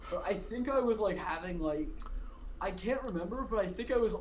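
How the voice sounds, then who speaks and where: A man's voice: sits high, lively intonation, fairly quick, a little hiss or hum, poor audio. A young man of about twenty chatting casually as a podcast guest, rambling and often cutting himself off mid-sentence. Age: around 20. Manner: rambling, filler-heavy, self-interrupting. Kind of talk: casual chat. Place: bedroom, indoors. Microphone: video call.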